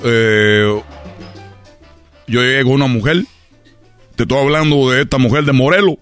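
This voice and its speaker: A man's voice: mid-range voice, normal speed, soft background music, natural voice. A man voicing a boastful male Cuban baseball player with a Cuban accent, telling a story in a radio comedy sketch. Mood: brash, boastful. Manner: brash storytelling, loud exclamations.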